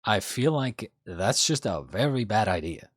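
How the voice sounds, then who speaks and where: A man's voice: fairly low pitch, sing-song, measured pace, no echo, clean studio sound. A man giving casual streamer reaction commentary to an anime in an incredulous, sarcastic manner.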